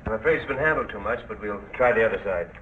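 An actor playing a brisk police fingerprint examiner in a 1940s film serial, speaking matter-of-factly. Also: male voice, fairly low pitch, expressive, narrow, tinny audio, close to an everyday voice. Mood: intent. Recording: boxy, distant old film soundtrack, faint noise.

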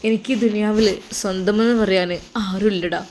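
A woman's voice: mid-range voice, fairly even intonation, moderate pace, darkish tone, slight background noise, close to an everyday voice. A woman voicing a tearful grieving father. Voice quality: sorrowful, pleading. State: crying. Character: grieving adult man, abandoned father, tearful. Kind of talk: storybook narration.

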